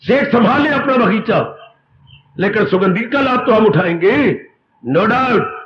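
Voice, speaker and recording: A man giving a devotional sermon, telling stories in an animated way and stretching out emphatic phrases. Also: high voice, unhurried, noisy background. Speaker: spiritual teacher. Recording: roomy, dull recording, faint ambience.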